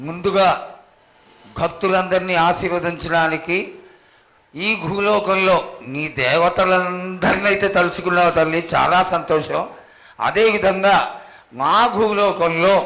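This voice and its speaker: A man formally petitioning an oracle in reverent devotional speech, delivered in short halting phrases. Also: high voice. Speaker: ritual questioner addressing the oracle. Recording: dull lo-fi live recording.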